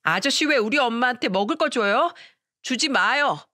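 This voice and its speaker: A woman voicing a jealous five-year-old boy who whines and shouts in a shrill child's voice. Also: expressive, moderate pace, no room sound, clean studio sound. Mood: shrill whining.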